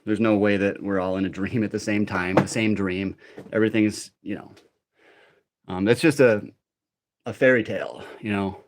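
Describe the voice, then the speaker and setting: Low-pitched man chatting through a workout livestream. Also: fairly even intonation, normal speed. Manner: rambling, conversational, replying to viewers' comments. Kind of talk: casual livestream chat during a workout.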